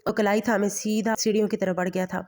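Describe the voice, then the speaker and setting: A woman storyteller narrating a bedtime romance story with a steady, even reading. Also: medium pitch.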